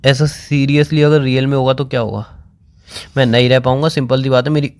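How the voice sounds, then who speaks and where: A man's voice: mid-range voice, fairly even intonation, brisk, dry recording. A young man on a phone call, tearful and crying, pleading insistently and repeating himself. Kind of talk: emotional phone conversation. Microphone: phone call recording.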